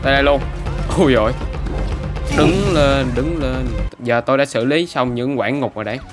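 A man's voice: mid-range voice, moderate pace. A man giving casual, playful gameplay commentary full of boastful trash talk. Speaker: gaming YouTuber. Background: background music.

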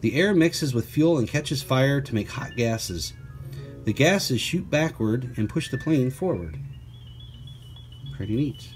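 With faint music in the background, an animated man at medium pitch reads aloud from a picture book for young audiences, clear and unhurried, pausing for chatty asides and playful questions.

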